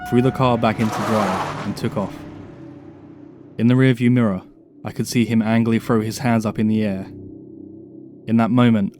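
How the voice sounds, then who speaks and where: A man calmly reading a true scary story aloud as a narrator, in a measured, steady way. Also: lowish voice. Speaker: narrator reading submitted stories. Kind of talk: scripted horror story narration. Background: background music.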